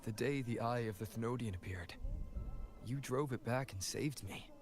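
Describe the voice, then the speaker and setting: A man's voice: mid-range voice, moderate pace, music in the background, close to an everyday voice. A man voicing an earnest young male student who speaks directly. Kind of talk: game voice acting.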